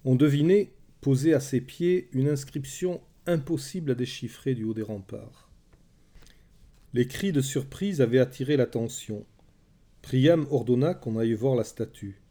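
A man narrating a story in a measured, dramatic way. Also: medium pitch, warm tone.

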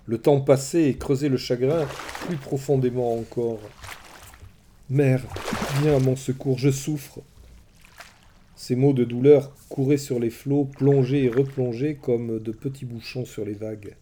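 Narrator, male, middle-aged: expressive myth storyteller, mellow, warm tone. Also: medium pitch, slight background noise. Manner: expressive storytelling, dramatic swells and hushes. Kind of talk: scripted narration of a myth series.

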